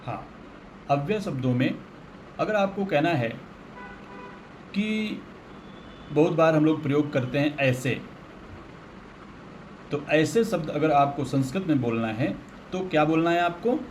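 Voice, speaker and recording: Slow, patient male Sanskrit teacher. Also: a little high, slight background noise. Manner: patient, explains slowly with everyday examples. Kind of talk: online grammar lesson.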